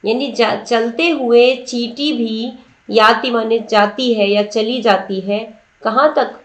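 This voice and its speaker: A woman teacher speaking in an unhurried, patient way, breaking each line down word by word and asking her listeners questions. Her voice sits in a roomy, echoing space. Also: on the high side, fairly even intonation. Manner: slow, patient word-by-word explanation with questions to students. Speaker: Sanskrit teacher. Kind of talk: explaining a textbook lesson. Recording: roomy echo.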